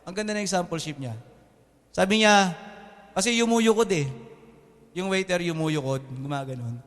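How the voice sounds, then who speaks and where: Filipino man, young pastor, high voice, lively joking sermon, long church reverb. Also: normal speed. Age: young adult. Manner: lively, joking, often asks the congregation "Amen?". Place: church hall with air conditioning.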